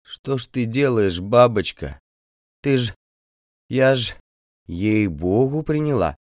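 A man's voice: medium pitch, animated, takes it slowly, no echo, clean studio sound, pitched above the performer's own voice. A man putting on a wheedling peasant woman. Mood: protesting. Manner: wheedling, singsong pleading. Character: flattering rural peasant woman, about thirty.

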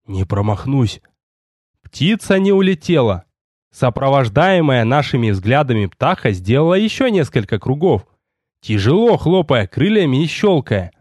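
A man narrating an audiobook in a lively, expressive storytelling manner. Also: mid-range voice, moderate pace, no echo, studio quality.

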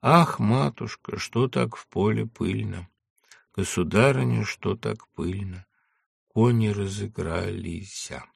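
A man voicing a soft-singing young Roma woman. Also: on the low side, vocal fry, slightly rough, dry recording, clean studio sound, heavily acted. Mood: wistful. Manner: soft, half-spoken singing, slow.

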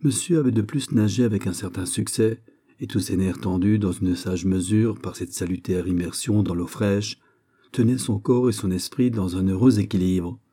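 A man narrating a classic novel as an audiobook, in a measured, literary reading. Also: lowish voice, mellow.

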